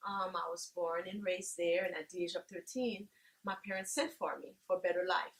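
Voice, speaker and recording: Earnest Haitian-born woman, halting speech. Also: lowish voice, fairly even intonation. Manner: earnest, halting, many fillers. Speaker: charity founder. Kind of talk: interview answers. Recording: echoey room.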